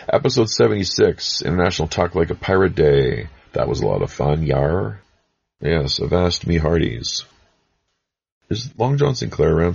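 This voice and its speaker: Very deep gravelly male podcast host. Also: darkish tone. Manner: rambling, folksy, with pirate banter. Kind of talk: casual recap of past episodes. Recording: dull lo-fi sound.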